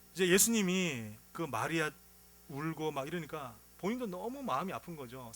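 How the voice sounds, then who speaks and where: A man's voice: on the high side, a little hiss or hum. A male pastor preaching a sermon, telling stories with feeling and asking the congregation rhetorical questions. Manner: animated storytelling with rhetorical questions.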